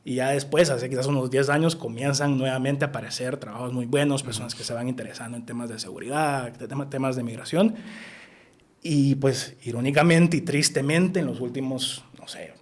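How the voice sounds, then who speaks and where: A man's voice: medium pitch, fairly quick. Thoughtful man, political scientist. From El Salvador. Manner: thoughtful, with bursts of emphasis. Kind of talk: conversational interview answers.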